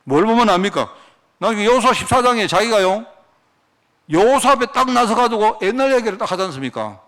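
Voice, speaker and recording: A male pastor delivering a sermon with a high, lively voice that climbs and dips all over. He keeps tossing rhetorical questions at the congregation. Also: fairly quick. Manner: animated preaching with rhetorical questions.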